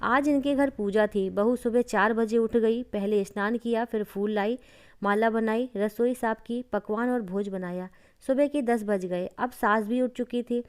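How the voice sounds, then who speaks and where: Clear-voiced woman storyteller narrating. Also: a little high, unhurried.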